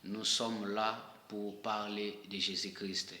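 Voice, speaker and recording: A man from DR Congo with a Congolese French accent, preaching a sermon to online viewers. He speaks emphatically, repeats key phrases and pauses often. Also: on the low side, little pitch movement, sharp tone. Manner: emphatic and repetitive, with hesitant pauses. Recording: echoey room with long reverb.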